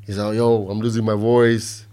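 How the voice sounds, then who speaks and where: Mellow and flat, his fairly low voice moves at normal speed as he hosts a podcast. The middle-aged man from the American Southwest is a little drunk and hungover, telling loose, profane, rambling stories in casual conversation.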